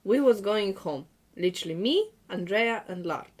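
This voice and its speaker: A woman's voice: medium pitch, expressive, moderate pace. A woman hosting a podcast, telling a personal story in casual, full of "literally" and "uh". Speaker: podcast host.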